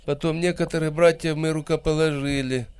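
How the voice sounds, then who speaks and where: A man's voice: fairly high pitch, fairly even intonation, fairly quick, clean tone, no echo. A man in his fifties, a presbyter leading a church meeting, addressing the congregation in a folksy, lightly joking way. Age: 50s. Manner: folksy, gently joking leader.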